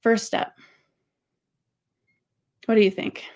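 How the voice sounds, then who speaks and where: A woman's voice: slow pace, a little mellow. A young adult woman hosting a marriage course, talking candidly and conversationally and sharing personal stories. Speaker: podcast host and marriage course teacher. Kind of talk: casual teaching talk.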